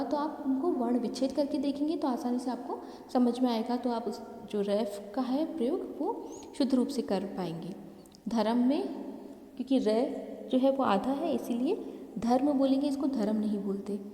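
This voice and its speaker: A woman teacher giving a slow, explanatory grammar lesson, spelling out each correction step by step. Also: high voice, dark tone. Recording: echoey room with long reverb.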